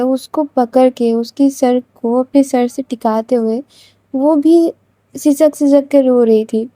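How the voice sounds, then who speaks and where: High, mellow-voiced woman storyteller. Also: no room sound. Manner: conversational, dramatic, with fillers. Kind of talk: emotional story narration.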